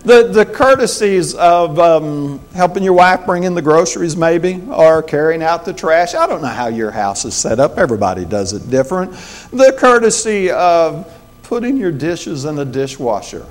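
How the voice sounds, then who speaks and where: An older man in his sixties delivering a sermon in a chatty, down-home manner, slipping in wry jokes between his points. His voice sits a little higher than most men's. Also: animated, normal speed. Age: 60s. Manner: folksy, conversational, joking asides. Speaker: pastor.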